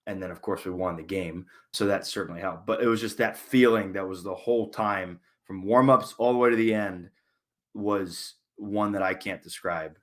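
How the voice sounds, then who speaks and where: A high school football coach co-hosting a podcast, speaking earnestly and reflectively in casual chat. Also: male voice, normal speed. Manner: earnest and reflective, with small restarts.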